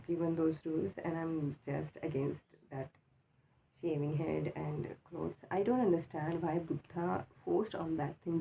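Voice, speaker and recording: A woman with an Indian accent giving a casual, halting, unscripted opinion monologue, repeating herself for emphasis, just awake with a swollen mouth. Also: lowish voice, vocal fry. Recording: tinny phone-like sound with faint noise.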